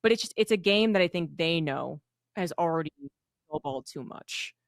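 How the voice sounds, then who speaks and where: A woman's voice: fairly low pitch, lively intonation, normal speed, vocal fry, no echo, clean studio sound. A woman with an American accent, casting a live esports match in a chatty, playful way. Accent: General American. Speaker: esports caster. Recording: noisy broadcast mix.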